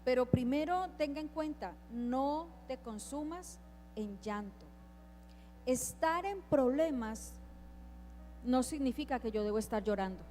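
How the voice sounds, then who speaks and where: A woman's voice: high voice, expressive, unhurried, mellow, faint music behind. A woman preaching a sermon, emphatic and putting questions to her congregation.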